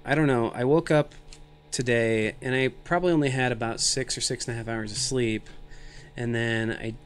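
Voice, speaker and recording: A man's voice: mid-range voice, fairly even intonation, moderate pace, slight background noise. Rambling thirty-year-old man streaming a game. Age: 30s. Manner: rambling, self-mocking and jokey. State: tired and loopy from little sleep and caffeine. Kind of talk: casual live-stream commentary.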